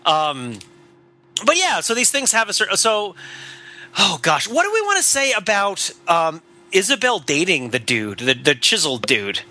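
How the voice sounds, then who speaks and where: A man hosting a podcast in casual chat, rambling and animated, with many fillers and running jokes. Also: sits high, moderate pace. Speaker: podcast host.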